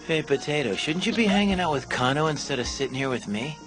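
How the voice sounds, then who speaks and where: A man voicing a deadpan young puppeteer. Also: fairly high pitch, fast, close to an everyday voice. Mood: wry. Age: young adult. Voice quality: wry, deadpan delivery. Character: drifting young male puppeteer, dry and sarcastic. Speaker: traveling puppeteer. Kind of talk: anime dub acting. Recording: music playing behind the voice. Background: music.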